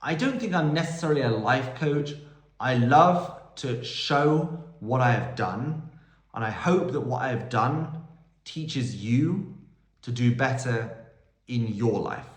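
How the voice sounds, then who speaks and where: Male host, casual Q&A monologue, chatty storyteller, phone audio with room echo. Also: medium pitch. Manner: chatty, rambling storytelling with quoted dialogue. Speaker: vlog host answering viewer questions. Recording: roomy echo.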